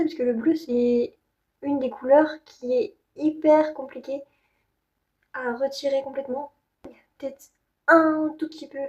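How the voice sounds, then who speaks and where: A woman's voice: high voice, darkish tone, highs cut off. A woman with a Parisian French accent chatting informally and candidly through a beauty product demo. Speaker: beauty vlogger reviewing skincare. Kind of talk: casual product demo chat.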